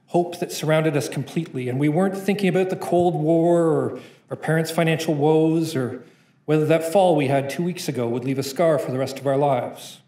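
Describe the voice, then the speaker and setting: Standing at a podium mic, a young Canadian poet reads his spoken-word piece from notes, rhythmic and playful. His voice is warm in tone and sits a bit high, echoing through the conference room.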